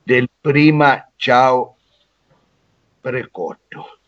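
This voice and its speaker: For a comedy radio sketch, a man with a mid-range voice plays a pompous, self-important police inspector calling in, heard over a phone line. He speaks extremely slowly with fairly even intonation, muddling his words, and the recording is dry.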